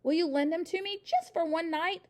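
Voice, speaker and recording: A woman's voice: very high-pitched, moderate pace, pitched above the performer's own voice. A woman voicing a clever, earnest, eager little girl in a storybook.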